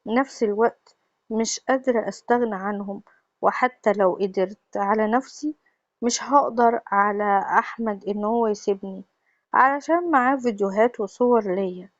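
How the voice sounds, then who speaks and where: A woman with an Egyptian accent telling a first-person confessional story in a steady, plain way. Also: mid-range voice, moderate pace, no echo, lo-fi sound. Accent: Egyptian Arabic.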